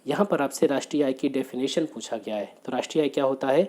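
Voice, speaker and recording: A man teaching exam prep, working briskly through quiz questions, asking rhetorical questions and repeating the answers. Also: mid-range voice, dark tone. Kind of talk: exam question walkthrough lecture.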